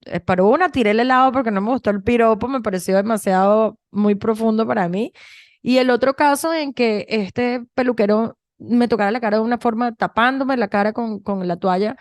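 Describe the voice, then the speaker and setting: A woman in her thirties from Venezuela with a Venezuelan Spanish accent, co-hosting a podcast and telling stories in a chatty, animated way with many restarts. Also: a little high, a little fast, dry recording, clean studio sound. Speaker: podcast co-host. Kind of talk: casual conversation.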